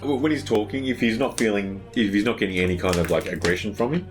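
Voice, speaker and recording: Deep-voiced man playing a tabletop game. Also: quick pace, poor audio. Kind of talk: casual role-play chat. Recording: loud music under the voice. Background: music.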